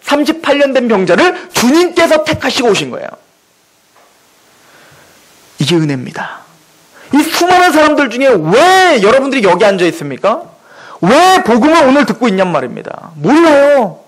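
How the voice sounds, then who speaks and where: High-pitched, lively male preacher. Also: brisk, low-quality recording. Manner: emphatic, full of rhetorical questions. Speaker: pastor. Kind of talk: sermon. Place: church.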